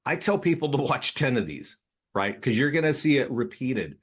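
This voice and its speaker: A man hosting a live online training, talking fast with frequent restarts and pitching tools to real estate agents. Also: big pitch swings, husky. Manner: rapid, repetitive, restarts often. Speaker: webinar host.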